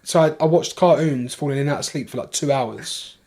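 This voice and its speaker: A man with a London accent talking as a podcast guest, his voice sitting a bit high for a man. He tells his story in a casual, animated rush, swears freely and keeps restarting his sentences. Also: a little fast.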